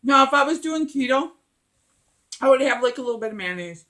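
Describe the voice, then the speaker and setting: Casting: middle-aged woman, mukbang host, sharp bright voice, emphatic casual chat between bites. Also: sits high, lively intonation, a little fast. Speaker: mukbang vlogger. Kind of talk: casual chat while eating.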